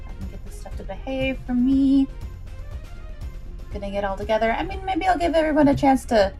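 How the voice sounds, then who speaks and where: With faint music behind her, this livestream host talks a little fast in a high, warm voice. Her manner is playful and bubbly, full of folksy greetings, homespun phrasing and sing-song muttering.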